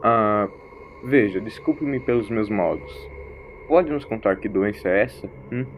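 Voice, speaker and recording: A man's voice: lowish voice, unhurried, slight background noise. Man playing the Doctor, a grumpy old grandfather. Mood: reluctantly polite. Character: grumpy, dismissive old grandfather, learned alien traveller.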